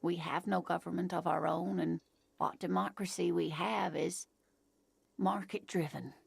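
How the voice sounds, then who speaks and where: Brief: motherly game woman, gentle, gravelly low voice, dry studio sound. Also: steady tone, a little slow, no room sound, exaggerated voice. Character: kindly woman explaining history to a lost cop.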